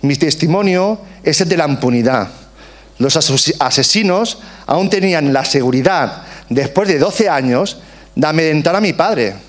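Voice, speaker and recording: A man's voice: on the high side, lively intonation, normal speed. A man in his forties reading a prepared, emphatic testimony aloud at a book presentation. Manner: earnest, emphatic, slogan-like closing.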